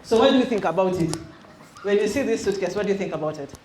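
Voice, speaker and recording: In an echoey church hall with faint background noise, a middle-aged youth minister from Western Kenya teaches interactively and quizzes her listeners, slipping in Swahili. She has a Kenyan accent and a medium-pitched, darkish voice, and she speaks fast and with animation in an engaging way.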